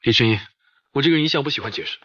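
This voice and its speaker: Brisk, husky young CEO, clipped and dismissive, bright tone, swings wide in pitch. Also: male voice, animated, muffled recording. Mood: cool, curt. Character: cold, curt male CEO landlord, young adult.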